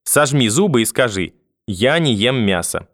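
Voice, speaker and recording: Brief: mild old grandpa, unhurried and teasing, voiced by a male narrator, dry close mic. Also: dry recording. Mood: calm joking. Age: older. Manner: calm, low-key, dry humor.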